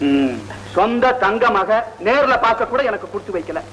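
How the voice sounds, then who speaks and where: A man's voice: high voice, animated, moderate pace, a bit bright, a little hiss or hum, rough recording. An actor playing a weary middle-aged father with dry, mocking humor in old film dialogue. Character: weary, sarcastic father of a grown son.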